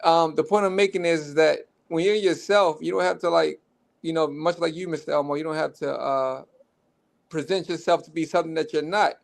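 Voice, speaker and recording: Gravelly young Baltimore man. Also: on the high side, a little fast. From Baltimore, Maryland. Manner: relaxed, rambling with restarts. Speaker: guest. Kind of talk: casual storytelling chat.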